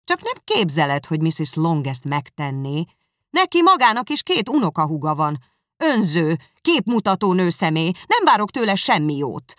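A woman's voice: on the low side, sing-song, a bit bright, dry recording, clean studio sound. A woman reading aloud and voicing a fussy, nervous middle-aged mother who complains and scolds. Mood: indignant. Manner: fretful, reproachful outbursts.

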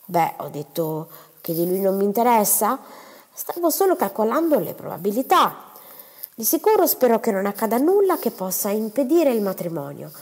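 A woman's voice: mid-range voice, sing-song, normal speed, a little mellow. Coy scheming wife, knowing and teasing; a woman reader plays her, in a reverberant hall. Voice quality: sly, knowing, lightly teasing. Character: coy scheming middle-aged stepmother, wife.

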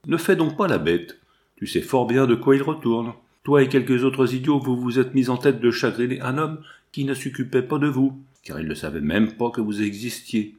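A man's voice: mid-range voice, expressive, normal speed, a little mellow, close to an everyday voice. A man voicing a sneering old villain. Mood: gloating. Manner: mocking, gloating.

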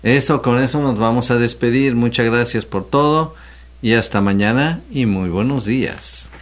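Relaxed radio host. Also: male voice, medium pitch, normal speed. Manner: brief backchannel replies, relaxed. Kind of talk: casual radio chat.

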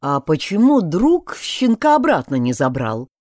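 A woman voicing a calm, quiet man in a storybook reading. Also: low voice, a little slow, dry recording. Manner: quiet, dry.

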